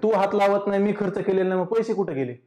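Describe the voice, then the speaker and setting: Guy acting husband grilling his wife, quick, echoey room. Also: high voice, lightly acted. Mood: accusing. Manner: accusing, loud. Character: suspicious husband missing money.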